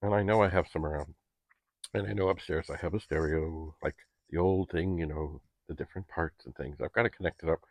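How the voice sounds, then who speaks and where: A middle-aged man, a home vlogger in his basement, talks casually to the camera in a rambling, chatty, politely old-fashioned manner. His voice sits low, with fairly even intonation and a brisk pace, and there's no echo.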